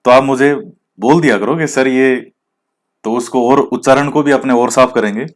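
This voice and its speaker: A male teacher gives an exam-prep lecture at a steady, middle pitch. He explains a point, then turns it into a question and answers it himself, slipping English words into the talk. He is open about the rustic edge of his pronunciation. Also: normal speed. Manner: mixes English words into Hindi.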